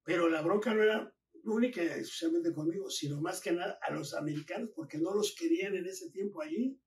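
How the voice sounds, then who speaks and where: An older man with a Mexican accent, a retired wrestler guest, telling lively anecdotes and acting out quoted dialogue. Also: high-pitched, brisk, far from the mic, slight background noise. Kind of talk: casual storytelling.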